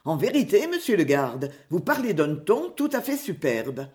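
A woman's voice: low-pitched, very animated, normal speed, darkish tone. A woman voicing a boastful young stranger in the forest who speaks in a defiant, mocking way.

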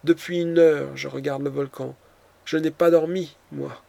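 A man's voice: fairly high pitch, steady tone, a little slow, creaky, warm tone, no room sound. A man reading the part of a desperate, vengeful young countess in an audiobook, with impassioned, pleading delivery. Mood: intense.

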